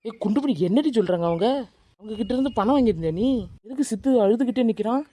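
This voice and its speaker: A bold, protective village woman from a Tamil cartoon, voiced by a woman. Her voice is mellow and mid-pitched, and she talks quickly. She has a Tamil accent and a blunt, defiant manner. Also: lively intonation, slightly rough.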